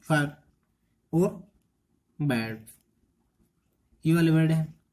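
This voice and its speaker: A man's voice: on the high side, very slow, darkish tone. An Indian man teaching an English transcription lesson, quizzing students with repeated rhetorical questions. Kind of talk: exam-prep lecture.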